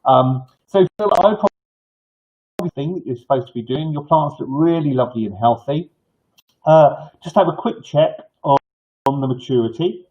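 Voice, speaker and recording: An older man hosts an informal live gardening clinic, answering viewer questions in a husky, rather high, toothless voice with soft, slightly slurred consonants. His delivery is halting and rambling, with frequent false starts and repetitions, and the audio sounds dull and lo-fi.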